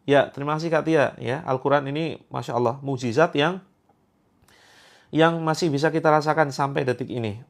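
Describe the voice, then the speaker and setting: An Indonesian man in his thirties hosts a Quran therapy livestream, reading out viewer comments in a chatty, joking way and repeating his points for emphasis. His voice is on the high side and fairly quick, with vocal fry.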